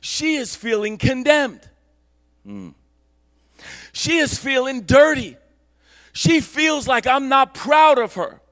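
A male pastor giving a Sunday church sermon, preaching with passion that builds to shouts. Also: extremely high pitch, very animated, slow pace, pauses often. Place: church service.

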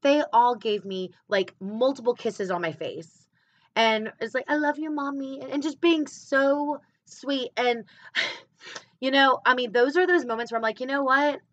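A woman's voice: fairly high pitch, a little slow, no room sound. A woman in her thirties talking candidly and emotionally in a casual personal vlog about her sales business and her kids. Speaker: clothing sales consultant. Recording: slightly dull, dry sound.

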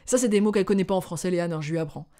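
A slightly low-pitched woman from France chats to camera as a vlogger, telling a story in an animated way. She acts out bits of dialogue and often hesitates on filler sounds. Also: rapid-fire.

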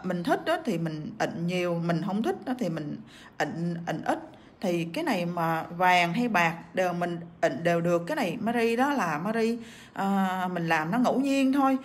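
A woman sick with a cough teaches nail art on a livestream, chatting as she works and reading out viewer comments. Her voice is medium-pitched, with slight background noise.

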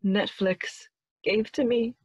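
A woman giving a dramatic reading of a parody carol with theatrical, deliberate phrasing. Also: medium pitch, steady tone, breathy edge, no room sound.

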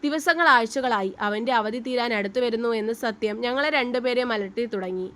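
A woman narrating a romantic story in a gentle, steady reading voice. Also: on the high side, brisk.

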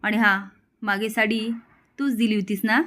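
A woman's voice: mid-range voice, flat delivery, normal speed, a bit bright, natural voice. A woman voicing a controlling, hot-tempered elder brother who lectures and orders. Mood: bossy, angry. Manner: bossy, lecturing.

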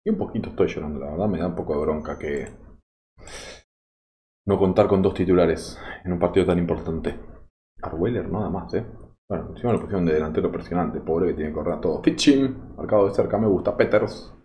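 A man's voice: low voice, brisk, warm tone, a little hiss or hum. A young man with a Rioplatense accent commenting live on a football management game, exasperated and pleading with the game. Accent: Rioplatense Spanish. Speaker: gaming YouTuber.

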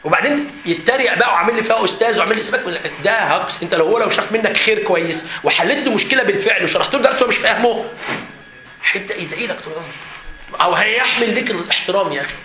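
An Egyptian man speaks to a room of students in a high, bright voice, rattling along at a very fast clip. He jokes and laughs through his points in a lively seminar style. The hall around him is echoey, with a faint hiss underneath. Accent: Egyptian Arabic. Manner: animated, joking, often laughing while talking. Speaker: teacher leading a student seminar.

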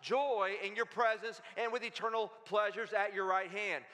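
A pastor preaching an energetic sermon in a church, calling out to the congregation for answers. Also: male voice, high voice, normal speed. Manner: energetic, calls out to the congregation for responses. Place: church sanctuary. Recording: long hall reverb in a church.

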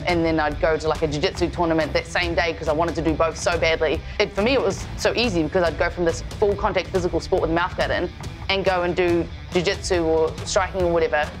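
Kiwi woman in her 20s chatting easy and upbeat, lowish voice, soft music under. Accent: New Zealand. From New Zealand. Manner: casual, upbeat, laughs easily. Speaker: MMA fighter. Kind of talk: documentary interview.

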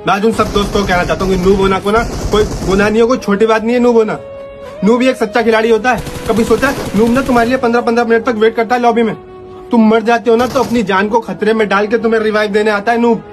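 High-voiced man giving an earnest speech. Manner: heartfelt, speechifying, pleading tone. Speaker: gamer. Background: background music.

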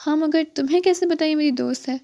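A woman's voice: high voice, mellow. A woman voicing a proud young woman doctor who speaks curtly and tries to seem aloof, in an audiobook. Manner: curt and aloof.

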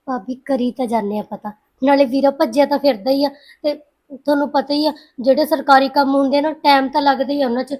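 An actress playing a gentle young sister who softly coaxes her sister-in-law to stay calm and look after herself. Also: sits high, brisk, lightly acted. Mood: coaxing. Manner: soft, coaxing, sensible.

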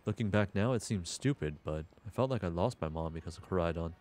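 Man acting sullen teen boy, low pitch, casual, reluctant, video game dialogue read aloud. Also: expressive, fast, darkish tone. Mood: wistful, resentful.

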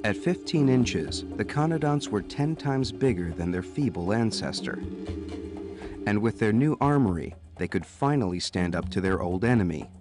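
A man's voice: lowish voice, expressive, normal speed. A man giving a scripted, dramatic nature documentary narration in the manner of a storyteller. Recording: music under the voice. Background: music.

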